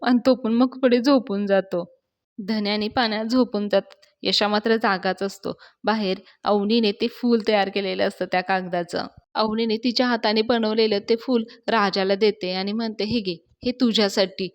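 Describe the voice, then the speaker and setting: A woman's voice: medium pitch, fairly even intonation, moderate pace. A young woman hosting a serial review, narrating the episode in a storytelling way and addressing her viewers directly. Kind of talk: retelling a TV episode.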